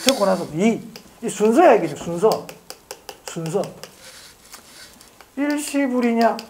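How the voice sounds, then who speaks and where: A man teaching an exam-prep lecture, drilling students with rapid back-and-forth questions and slowly stretching out key phrases. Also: high-pitched, animated, gravelly, a little mellow, a little hiss or hum.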